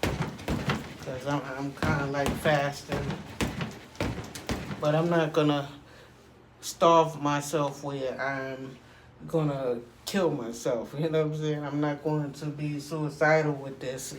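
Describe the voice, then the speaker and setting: A man's voice: a little high, little pitch movement, slow, long pauses, a little hiss or hum. A man chatting casually to camera while working out on a punching bag, rambling and often checking that the listener follows. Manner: rambling, frequent "you know what I'm saying" tags. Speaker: video creator. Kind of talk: casual workout vlog, talking to camera.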